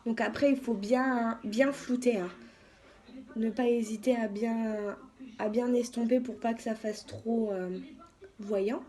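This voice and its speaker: A woman giving a calm, step-by-step makeup tutorial as a beauty vlogger, often saying "donc" and "voilà". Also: fairly high pitch, slow.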